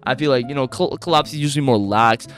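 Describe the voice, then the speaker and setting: A man's voice: medium pitch, quick pace. A man hosting a beatbox reaction video, talking casually and rambling with fillers. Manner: excitable, gushing exclamations, rambling with fillers.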